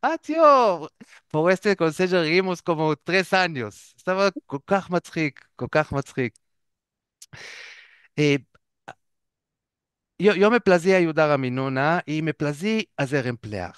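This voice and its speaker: Guy telling stories, keeps searching for words, smooth clear voice. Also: a little high, no room sound, clean studio sound. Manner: halting, searches for words, restarts often. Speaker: guest. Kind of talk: casual storytelling.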